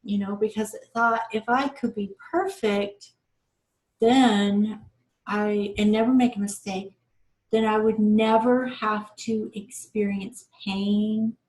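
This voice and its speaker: A woman co-hosting a casual self-growth chat, reflective, with many pauses and fillers. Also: mid-range voice, darkish tone, poor audio. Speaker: co-host.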